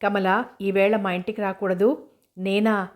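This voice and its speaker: Woman voicing lively curious young friend, coaxing, teasing, flat level reading, audiobook. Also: mid-range voice, normal speed, natural voice. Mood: cheerful.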